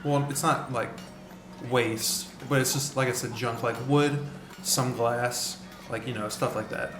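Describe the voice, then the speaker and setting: A man's voice: medium pitch, steady tone, a little slow, echoey room, over music. A man narrating a tabletop game as game master, rambling with many fillers and restarts.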